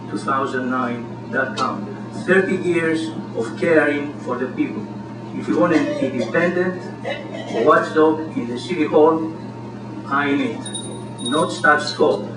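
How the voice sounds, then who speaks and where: A man from Greece, speaking with a Greek accent, delivers an earnest, impassioned campaign speech as a candidate at a community meeting. His voice is fairly high and he takes it slowly, captured in a distant, roomy hall recording with noise.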